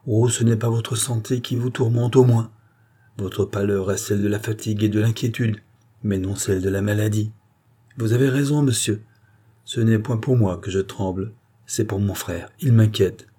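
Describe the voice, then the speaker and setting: A man's voice: on the low side, steady tone, normal speed, warm tone, breathy edge. A man reading a storybook voices a devout, anxious young princess in an earnest, pleading tone. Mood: worried.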